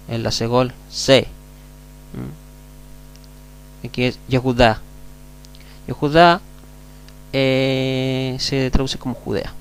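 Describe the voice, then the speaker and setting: Patient Chilean male teacher, mid-pitched gravelly voice, faint electrical hum under the recording. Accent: Chilean Spanish. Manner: patient, repeats words slowly, asks "mm?" to check. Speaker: Hebrew teacher. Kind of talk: classroom lecture.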